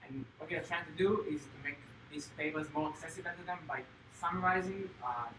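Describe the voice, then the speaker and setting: Israeli guy, slightly high voice, lots of uhs, tech meetup talk, noisy. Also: brisk. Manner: hesitant, many filler sounds. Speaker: guest speaker. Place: meetup room. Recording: echoey room, distant mic, noisy.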